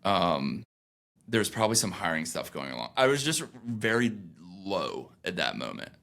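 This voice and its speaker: A young man with a low, gravelly voice talks casually in a podcast interview. He rambles, filling pauses and restarting his sentences as he goes. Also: very animated, a bit bright. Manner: loose and rambling, with many fillers and restarts. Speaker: founder, guest.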